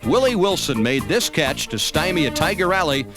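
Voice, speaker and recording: An American man with a fairly high, very animated voice reads scripted documentary narration recapping a baseball season at a moderate pace. Music plays in the background beneath his voice.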